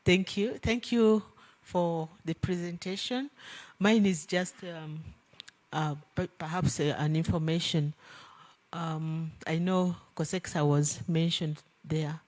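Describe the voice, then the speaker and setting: A woman's voice: lowish voice, fairly even intonation, slow, a little mellow. A woman in the audience making a comment at a conference, earnest and hesitant, correcting herself, on a handheld microphone in a hall. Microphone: handheld microphone passed around.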